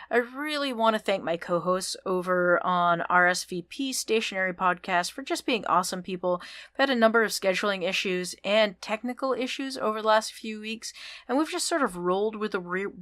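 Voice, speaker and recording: A woman hosts her writing podcast alone and talks casually and upbeat, with fillers and small restarts. Her voice sits in a middle pitch. The recording is dry and close, with no room sound. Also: a bit bright, no echo. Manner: chatty, upbeat, with ums and restarts. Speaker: podcast host. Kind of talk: solo podcast outro and shout-outs.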